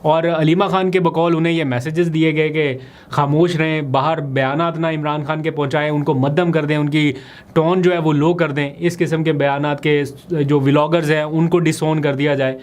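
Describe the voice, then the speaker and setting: A man walks through the day's political news in a brisk, analytical vlog commentary. His voice sits a little higher than most men's, and he explains each point in a steady, matter-of-fact way. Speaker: political vlogger.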